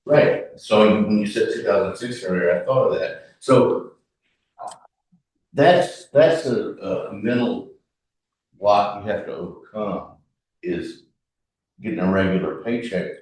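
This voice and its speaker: Male participant, lower voice, reflective and halting, distant echoey sound. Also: a little mellow. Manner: reflective, halting, restarts often. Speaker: workshop participant. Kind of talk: informal group talk. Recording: echoey room, mic far off.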